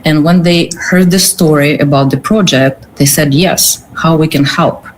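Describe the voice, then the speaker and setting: Ukrainian-accented woman guest, slow and halting, faint hiss under the voice. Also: low-pitched, steady tone, rough recording. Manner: earnest, halting with pauses and restarts. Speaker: guest, curator. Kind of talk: interview answers.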